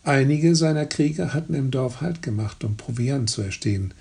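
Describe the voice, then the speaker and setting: A man with a raspy, gravelly voice reading a historical novel aloud in slow, even narration. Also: mid-range voice. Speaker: audiobook narrator. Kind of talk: scripted narration.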